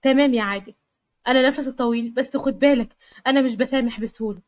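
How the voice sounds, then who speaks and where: A woman's voice: sits high, fast talker, no echo, close to an everyday voice. A woman with an Egyptian accent voicing a proud, unforgiving young wife in a spoken story. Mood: teasing. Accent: Egyptian Arabic.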